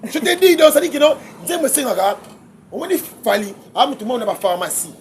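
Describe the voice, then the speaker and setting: A man, debating music as a guest commentator, excitable and quick to laugh, often repeating his words. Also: very high-pitched, a little hiss or hum. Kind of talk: heated casual debate.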